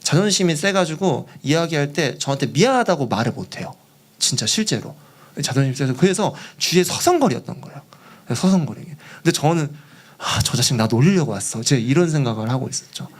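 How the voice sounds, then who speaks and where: A man's voice: fairly high pitch, lively intonation, a little fast. A young man preaching as a junior pastor in a church, telling a story with animation, acting out quoted voices and laughing along. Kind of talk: storytelling sermon.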